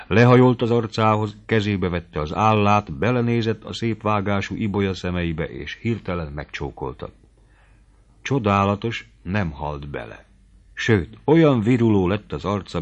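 Male audiobook narrator, low-pitched, expressive and dramatic; dull muffled recording. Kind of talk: audiobook reading of a classic novel.

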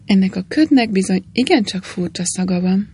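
A woman voicing a gentle, clumsy male priest detective in an audiobook reading, speaking mildly and calmly. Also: medium pitch, husky. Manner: mild, mournful, quietly calm.

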